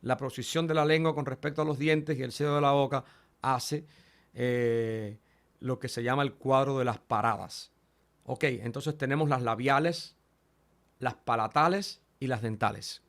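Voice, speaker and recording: In an online Greek lesson, a man with a mid-range voice speaks at normal speed, sounding out each letter aloud. He addresses his students directly and repeats key points.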